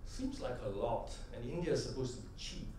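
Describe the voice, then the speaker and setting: Speaking a little fast in an expressive, dark-toned mid-range voice, a middle-aged man gives an anecdote-filled conference talk in a large convention hall. He often caps points with "right?" and builds to rhythmic, emphatic punchlines. The distant mic picks up hall echo and a little hiss or hum.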